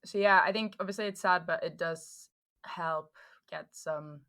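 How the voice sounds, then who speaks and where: A woman in her thirties opens and steers a casual podcast chat. Her voice sits a little low with a gravelly edge. She talks in a relaxed way, thinking aloud with plenty of fillers. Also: measured pace. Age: 30s. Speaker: podcast host.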